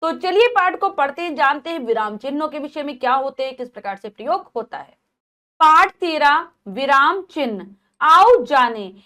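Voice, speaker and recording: Woman teacher, pretty high voice, walks kids through grammar, keeps repeating stuff so it sticks. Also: expressive, normal speed, pushed and bright. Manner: explains patiently, repeats points. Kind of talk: classroom grammar lesson.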